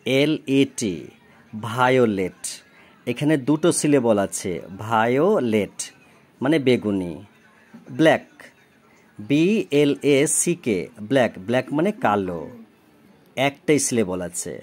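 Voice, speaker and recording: A man, tutoring a child in a recorded homework lesson. He spells words letter by letter, gives their meanings, and keeps asking whether the child understands. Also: medium pitch. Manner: often checks understanding with questions.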